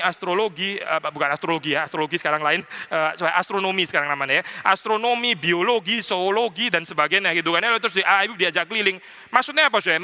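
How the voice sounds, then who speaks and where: Pastor, male, high and very bright voice, chatty sermon delivery with bits of playful mimicry, church hall echo. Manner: conversational preaching with English phrases and playful mimicry. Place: church sanctuary.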